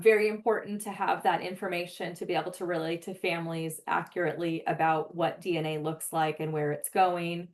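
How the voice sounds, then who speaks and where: A woman's voice: lowish voice, darkish tone. A woman giving a webinar presentation in an earnest, explanatory way, talking conversationally with many "um" fillers. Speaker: presenter for a forensic database program.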